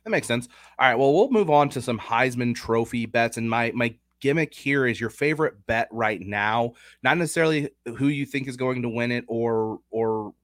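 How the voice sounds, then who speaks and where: A man's voice: mid-range voice, moderate pace, hardly any pauses, a bit bright, no room sound, studio quality. A young man hosting a casual sports betting chat, talking through stats and odds analytically. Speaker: sports betting podcast host.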